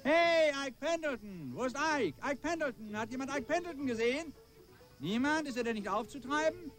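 An actor playing a pushy, excitable newspaper reporter in a radio drama. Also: male voice, on the high side, a little slow, soft background music. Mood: coaxing.

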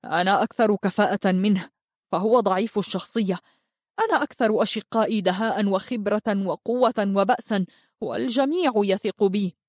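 A ruthless, scheming prince from a spoken story, read by a woman. His speech is hard and clipped, pushing forward quickly. The sound is dry and close. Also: medium pitch, darkish tone, no echo, natural voice. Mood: cold. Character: ruthless ambitious prince plotting murder, tense.

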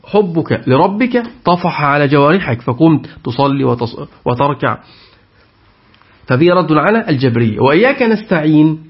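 A man's voice: fairly high pitch, lively intonation, moderate pace. A man giving a Quran tafsir lesson, putting questions to his class and repeating their answers. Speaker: Quran teacher. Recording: dull lo-fi recording.

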